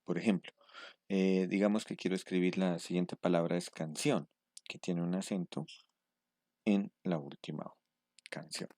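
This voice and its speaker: A man teaching step by step in a screen-recorded tutorial. He pauses often to check in with his students. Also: low voice, fairly even intonation, mellow, no room sound, studio quality. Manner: patient step-by-step explaining, checking in with a questioning "mm". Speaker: instructor.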